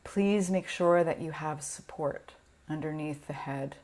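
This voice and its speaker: Deep-voiced, a woman leads a relaxation meditation in yoga nidra style. Her manner is gentle and soothing, slow, and punctuated by pauses.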